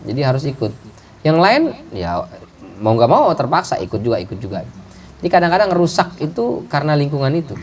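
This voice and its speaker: A middle-aged Islamic preacher with a somewhat high voice delivers a sermon a little fast, telling lively stories and acting out the voices of their characters. A little hiss or hum is audible.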